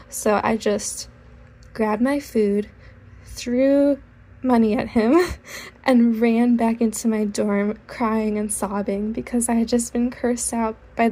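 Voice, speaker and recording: A woman's voice: on the high side, a little mellow. Chatty young woman telling a story. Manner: rambling, self-correcting, chatty. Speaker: artist vlogger. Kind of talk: casual storytime while drawing.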